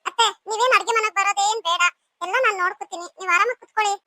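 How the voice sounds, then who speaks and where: A cheerful, clever young daughter-in-law from a cartoon , as a woman puts her on. Her voice is very high and bright, and she chats quickly. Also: fairly even intonation, no echo, heavily acted. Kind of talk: cartoon voice acting.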